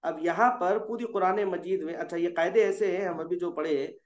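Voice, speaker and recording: A man's voice: high voice, moderate pace, reverberant, muffled recording. A man teaching a Quran recitation class. He poses questions to the class, answers them himself and repeats the key points. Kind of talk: classroom lesson.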